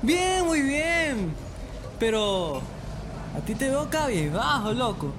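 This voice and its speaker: A man's voice: extremely high pitch, very animated, slow, background noise, heavily acted. A man playing a pushy, confident friend who coaches the hero in a comic sketch. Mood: coaxing. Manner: coaxing, pep-talk energy. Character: pushy streetwise buddy, adult man, brash and confident.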